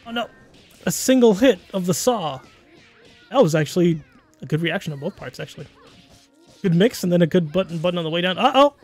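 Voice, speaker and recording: A man in his twenties commentating a fighting game stream in a casual, laughing way, with quick excited calls of the action. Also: high-pitched, faint music behind. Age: 20s.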